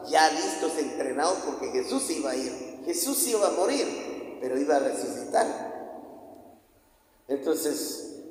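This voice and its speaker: A man preaching a sermon with emphatic swings in pitch and loudness. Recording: very echoey hall with long reverb.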